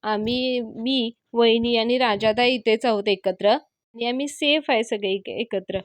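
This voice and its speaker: A woman's voice: fairly high pitch, steady tone, a little slow, no room sound, natural voice. A woman voicing a teasing, playful young man in a retold TV serial scene. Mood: reassuring. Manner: chatty, teasing.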